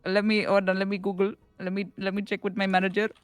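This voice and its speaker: A woman's voice: mid-range voice, completely flat delivery, fast talker, clean tone, soft background music, lightly acted. A woman voicing a female phone tech support agent with an Indian accent and formal helpdesk phrasing. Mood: mock-polite.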